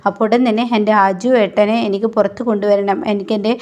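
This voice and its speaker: A woman's voice: medium pitch, little pitch movement, fast talker, a little mellow, natural voice. A woman reading the lines of a determined young wife and mother from a serial, in her own voice. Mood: pleading. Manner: firm, resolute lines read in her own voice.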